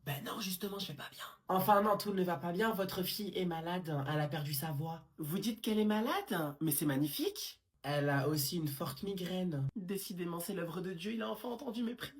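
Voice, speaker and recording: A woman's voice: lowish voice, animated, brisk, hardly any pauses, close to an everyday voice. A woman playing a self-absorbed mother on a phone call who answers in a flippant, mock-delighted way.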